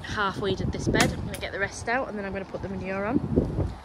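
Wind and a strimmer fill the background of this noisy outdoor clip, where a woman vlogs from her allotment. Her voice is mid-range, briskly paced, and fairly even in intonation, and she chats casually, explaining as she shows her work.

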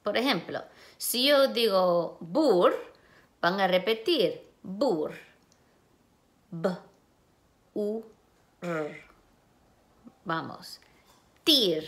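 Slow, deliberate woman teaching sounds. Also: mid-range voice, lively intonation. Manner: slow, clear, drawn-out sound-by-sound pronunciation. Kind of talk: phonemic awareness lesson for children.

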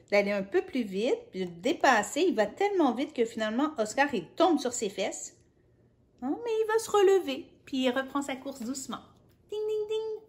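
Playful woman reading to kids. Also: medium pitch. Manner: playful, animated, adds sound effects and asides. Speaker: children's storyteller. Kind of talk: reading a picture book to children.

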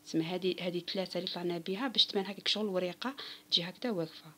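A woman's voice: on the low side, rapid-fire, bright, forceful tone, a little hiss or hum. A woman with an Algerian Arabic accent giving a step-by-step crochet tutorial, patiently counting stitches aloud and talking straight to her viewers. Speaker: crochet instructor.

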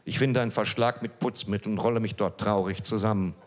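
Reading a story from a page at a brisk clip, a middle-aged comedian delivers deadpan stand-up into a handheld mic at a small club. He sometimes pauses to talk with the audience, and his voice sits fairly low.

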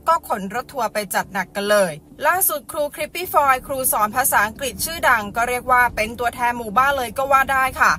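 A woman news presenter reading a scripted report in a crisp, formal, polite manner. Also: fairly high pitch, fast, hardly any pauses, bright, forceful tone.

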